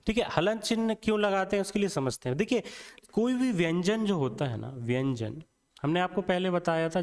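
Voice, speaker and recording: Guy teaching grammar, sounds out letters one by one, asks and answers his own questions, pretty smooth voice. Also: a little high, long reverb tail. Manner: explains slowly, repeating questions and answers to students. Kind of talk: exam-prep grammar lecture.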